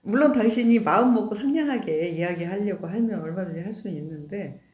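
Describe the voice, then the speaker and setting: A woman's voice: mid-range voice, expressive, a little fast, a little mellow. A middle-aged woman in a casual talk with her husband, teasing, laughing often and asking "응?" to check he follows. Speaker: wife in a couple's talk. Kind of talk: casual chat. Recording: roomy echo.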